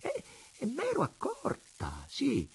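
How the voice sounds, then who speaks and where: A woman's voice: high voice, wildly swooping pitch, slow pace, voice pushed up, full character voice. A man reading aloud, voicing a timid young daughter who answers hesitantly and breathily, then coldly. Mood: hurried. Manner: hesitant, breathy small replies.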